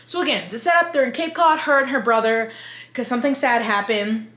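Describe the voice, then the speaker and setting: A drunk woman in her thirties giving a rambling, exasperated, sweary book review rant in an animated, emphatic way. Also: on the high side, brisk. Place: living room with bookshelves, indoors. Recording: roomy home echo.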